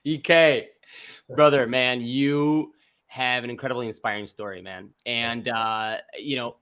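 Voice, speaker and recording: Easygoing male host, casual video-call chat, mid-pitched, friendly bro talk. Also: fairly even intonation, a little slow, a bit bright, clean tone. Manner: laid-back, calls the guest man and bro, laughs along. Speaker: podcast host.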